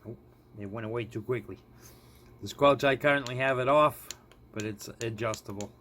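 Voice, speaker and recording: A product reviewer with a medium-pitched, slightly bright voice talks at normal speed during an informal hands-on demo of a gadget. He often chuckles as he thinks out loud, and background noise fills the indoor room.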